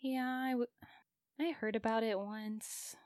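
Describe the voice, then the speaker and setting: A woman playing a sheltered, naive female adventurer in an improvised tabletop game, timid, halting and apologetic. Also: a little high, steady tone, a little mellow, dry recording, studio quality, natural voice. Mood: shy, curious. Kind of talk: improvised tabletop role-play.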